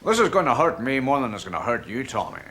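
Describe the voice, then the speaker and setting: A man's voice: mid-range voice, very animated, quick pace, a bit bright, a little hiss or hum. An awkward Scottish chairman. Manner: hesitant, rehearsing his lines. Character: awkward male club chairman delivering bad news. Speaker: club chairman sacking a manager. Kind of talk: sketch comedy acting.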